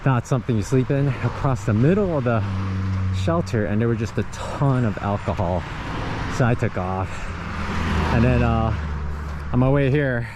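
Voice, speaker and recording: Tired from hiking, a man of fifty talks casually to his camera on a forest trail for his thru-hiking vlog, often laughing. His voice is medium-pitched at a moderate pace, and he pauses often. The background is noisy.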